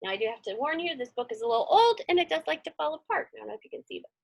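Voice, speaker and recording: Her high-pitched voice is sing-song, rapid-fire and creaky as she hosts a read-along for children. Acting as their teacher, she reads a storybook aloud and talks informally with the kids, offering encouragement and plenty of questions.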